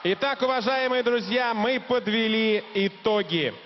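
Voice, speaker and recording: A man hosting a contest, reading out results slowly and grandly over a PA loudspeaker in a concert venue. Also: sits high, long reverb tail, a little hiss or hum. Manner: slow, drawn-out proclamations. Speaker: contest host. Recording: muffled live broadcast with music.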